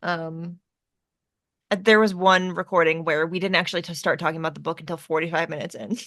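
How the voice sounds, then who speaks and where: A woman's voice: fairly low pitch, steady tone, a little fast, fairly bright tone, no echo, studio quality. A woman hosting a podcast in a casual chat, agreeable, often affirming with yeahs and ums. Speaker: podcast host.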